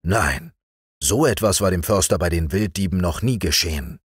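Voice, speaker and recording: A man reading a bedtime fairy tale aloud in an animated storytelling manner. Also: sits low, moderate pace, breathy edge, dry recording, studio quality. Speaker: audiobook reader.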